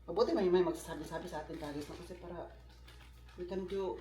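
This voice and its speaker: Here a Filipino man vlogs in an easygoing, talkative style, using a high-pitched, mellow voice that stays steady in tone while he talks fast. He regularly turns to viewers with asides, and there's a roomy echo.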